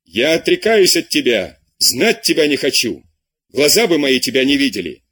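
A man voicing an angry older abbé who scolds his lazy pupil in loud, indignant tirades, with a husky voice. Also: mid-range voice, big pitch swings, moderate pace. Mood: outraged. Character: furious older male abbé tutor, scolding.

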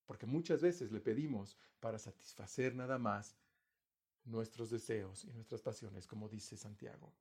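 A man preaching a sermon as pastor, earnest, often restarting phrases, his voice rising and then dropping quiet. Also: breathy edge. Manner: earnest, pauses and restarts, voice swells then sinks low.

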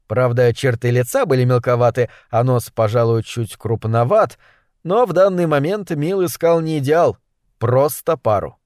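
A man narrating a short story in a measured, even storytelling manner. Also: mid-range voice, dry recording, clean studio sound. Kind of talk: audiobook story reading.

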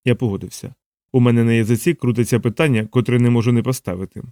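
A man reading a novel aloud, telling the story in a measured, even way. His voice sits at a middle pitch. The recording is dry and close, with no room sound. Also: clear, resonant tone, dry recording. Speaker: audiobook narrator. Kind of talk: audiobook narration.

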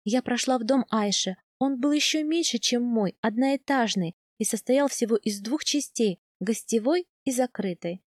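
A woman calmly narrating a first-person audiobook in an even storytelling manner. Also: a little high, normal speed, hardly any pauses, dry recording, studio quality.

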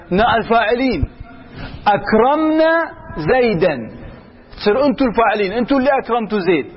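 A man's voice: sits high, muffled recording. A man teaching grammar in a classroom, quizzing his students and repeating example after example. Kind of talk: classroom lesson.

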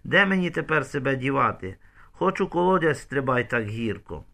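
A man's voice: mid-range voice, lively intonation, normal speed, vocal fry, pushed and bright. A man voicing an old village grandmother who laments and pleads, in an audiobook. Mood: lamenting.

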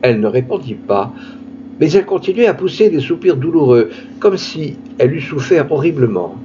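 A man reading a classic story aloud in an expressive literary style, with dramatic emphasis. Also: moderate pace, highs cut off, a little hiss or hum. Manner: dramatic, shifting pitch for emphasis.

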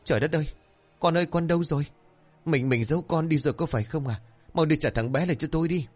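A man's voice: medium pitch, fairly even intonation, brisk, darkish tone, pitched above the performer's own voice, natural voice. A man voicing a frantic, grieving village wife who wails as she speaks. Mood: wailing. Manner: wailing, frantic.

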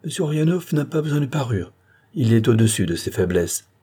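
A man's voice: medium pitch, very animated, brisk, warm tone, slightly rough, pitched above the performer's own voice. A man voicing a playful young wife in an audiobook, with teasing commands.

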